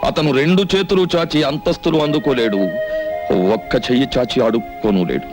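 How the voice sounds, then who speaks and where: An actor playing a middle-aged family man who makes wry asides and gives a slow solemn speech. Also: a little high, very animated, over music. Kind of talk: Telugu film melodrama.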